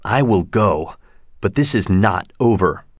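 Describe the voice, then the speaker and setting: A hot-tempered young nobleman bites out angry, clipped lines, as a man reads them aloud. The reading is slow, and the sound is dry. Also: on the low side, animated, dry recording.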